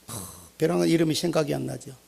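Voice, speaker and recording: Gravelly older preacher with a Gyeongsang accent. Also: male voice, on the high side, quick pace. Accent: Gyeongsang Korean. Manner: animated, anecdotal, swinging between loud and soft. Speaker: retired pastor. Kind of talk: storytelling sermon.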